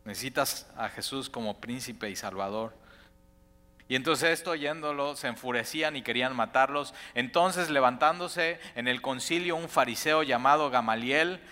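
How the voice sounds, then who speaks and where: A man preaches in a bright, forceful voice. He slips into his listeners' inner voices as he speaks. The sound rings with a long reverb from the church hall around him. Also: mid-range voice, normal speed. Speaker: pastor. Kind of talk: sermon.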